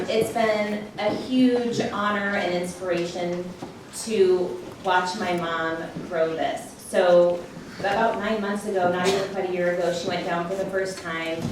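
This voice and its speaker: A young woman speaking at a charity concert, close to tears, halting with ums and nervous laughs. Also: medium pitch. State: close to crying. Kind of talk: emotional speech to a live audience. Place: concert hall. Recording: echoey hall, distant mic, room noise.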